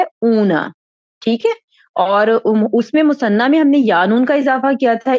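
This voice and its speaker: A patient woman teacher walks through a grammar lesson one step at a time. She keeps checking in with her students as she goes. Her voice sits at an ordinary pitch and is recorded close and dry, with a slightly muffled, lo-fi edge. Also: darkish tone, no room sound. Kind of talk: Quran grammar lesson in Urdu.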